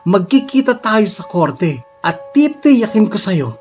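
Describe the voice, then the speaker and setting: A man voicing a furious young pregnant woman who scolds and shouts at the man who wronged her, with soft music behind. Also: high-pitched, sing-song, a little slow, pitched above the performer's own voice. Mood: angry.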